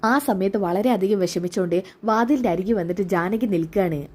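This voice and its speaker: A woman's voice: mid-range voice, moderate pace, a little mellow. A woman casually retelling a TV serial episode in a chatty, storytelling manner. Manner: chatty, tag-laden storytelling. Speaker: serial recap narrator.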